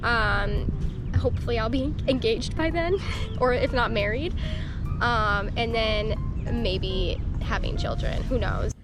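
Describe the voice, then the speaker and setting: Chatty twenty-something woman, loud music behind. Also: a little high, slow. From upstate New York. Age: 20s. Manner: chatty, many fillers and "like". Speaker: vlogger. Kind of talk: casual Q&A chat.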